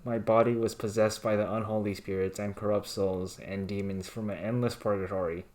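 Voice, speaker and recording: A man reading written rants aloud in a flat, deadpan monotone. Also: on the low side, fairly quick.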